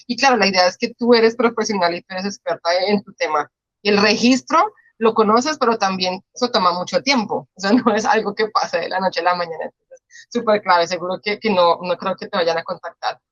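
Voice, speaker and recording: A woman's voice: mid-range voice, brisk, a bit bright, no echo, muffled recording. A woman with a Colombian Spanish accent hosting an interview, talkative and asking follow-up questions. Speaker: podcast host. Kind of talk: conversational interview.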